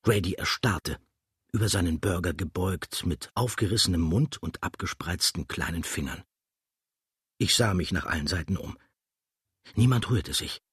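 A man's voice: deep voice, normal speed, fairly bright tone, slightly rough, dry recording, clean studio sound. A man narrating an audiobook with a dramatic, vivid reading style. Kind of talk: scripted narration.

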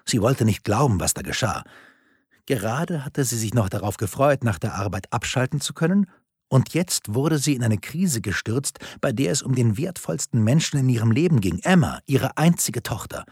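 A man narrating a thriller audiobook in a measured, dramatic way. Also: medium pitch, expressive, a little mellow, breathy edge, no echo, studio quality. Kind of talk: scripted narration.

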